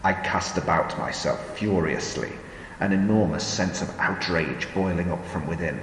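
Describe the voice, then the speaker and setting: A man, the author, reading his own novella aloud in first-person audiobook narration, in a measured, steady way. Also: low voice. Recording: roomy echo, long reverb, faint hiss.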